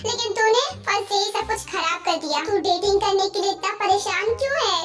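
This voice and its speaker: A woman's voice: very high-pitched, fairly quick, fairly bright tone, soft background music. A woman voicing a hot-tempered, protective young woman who scolds her friend sharply. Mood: scolding.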